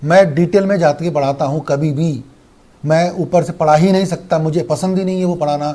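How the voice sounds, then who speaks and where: Man, law teacher, high voice, warm tone, rapid animated online lecture. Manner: fast-talking, animated, repetitive.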